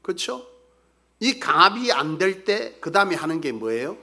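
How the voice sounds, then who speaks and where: A man's voice: fairly high pitch, big pitch swings, moderate pace, bright, forceful tone. A male pastor preaching a sermon. He questions the congregation and answers himself, and he acts out everyday scolding lines. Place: church sanctuary.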